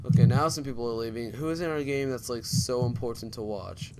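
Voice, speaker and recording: A man casually commentating a video game with a friend, excitable, shouting when things go well and mumbling when calm. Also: medium pitch, brisk, background noise. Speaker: channel host playing a video game.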